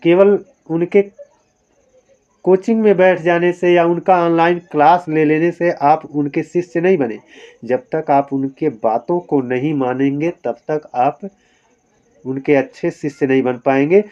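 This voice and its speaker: A man with a fairly high but mellow voice teaches grammar to exam students, asking rhetorical questions and tagging "है ना" onto his points. The sound is slightly dull and lo-fi. He mixes quiz answers with motivational advice. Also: fairly even intonation, unhurried. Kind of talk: online exam-prep lesson.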